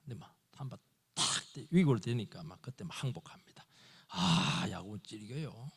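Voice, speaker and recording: A middle-aged male pastor preaching a Sunday morning sermon, acting out dialogue in short, animated bursts. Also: on the low side, normal speed, vocal fry, breathy edge. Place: church sanctuary. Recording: long hall reverb in a church.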